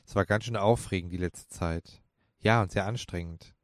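Brisk young woman in a storybook, a male reader's own low voice, earnest, dry read. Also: dry recording, lightly acted. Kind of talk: storybook character voice.

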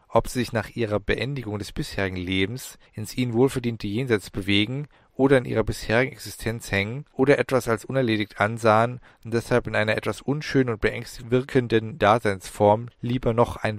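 Low-voiced man narrating an audiobook. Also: no room sound, clean studio sound. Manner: measured, dramatic reading. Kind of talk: scripted storybook narration.

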